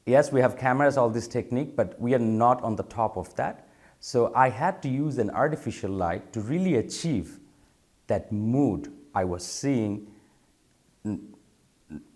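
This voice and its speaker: A Bangladeshi photographer speaks thoughtfully in an interview, his mid-range voice carrying a darkish tone. He often stops and repeats words as he searches for the right ones.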